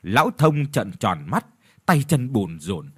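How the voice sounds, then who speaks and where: Brief: male horror narrator, medium pitch, lively rising and falling delivery. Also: measured pace, breathy edge, no room sound, studio quality. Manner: dramatic, expressive reading. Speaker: storyteller.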